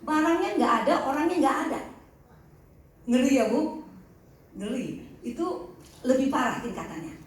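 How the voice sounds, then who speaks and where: A middle-aged woman counselor giving a teaching talk to a group, lively, acting out examples in other voices. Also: high voice, normal speed, pauses often. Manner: animated, acts out patients' voices. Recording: echoey hall, mic at a distance.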